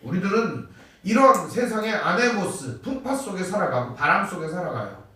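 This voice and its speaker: Preaching a Wednesday sermon in a church sanctuary, a male pastor poses rhetorical questions and acts out quoted lines, swinging widely in pitch and loudness at a normal speed. The mic is distant, so his voice comes from off-mic in a very echoey church hall.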